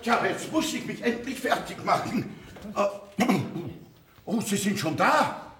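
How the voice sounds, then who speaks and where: An actor playing a fussy, excitable chatterbox who talks in a flustered, stammering, gossipy way. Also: male voice, sits high, slow, noisy background. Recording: echoey theater stage.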